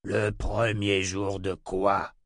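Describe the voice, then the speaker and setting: A man reading a cruel emperor in an audiobook, in his own low voice. He speaks slowly and coldly, commanding and contemptuous, recorded close and dry. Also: level tone, fairly bright tone, dry recording, full character voice. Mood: menacing. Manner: slow, cold, commanding. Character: cruel male emperor, menacing and imperious.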